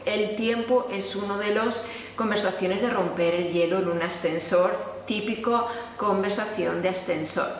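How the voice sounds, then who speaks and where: A Spanish-accented woman from Spain gives a casual online lesson, explaining points and acting out sample dialogues. Her mid-range voice moves a little slowly, with a faint hiss or hum in an echoey room with long reverb.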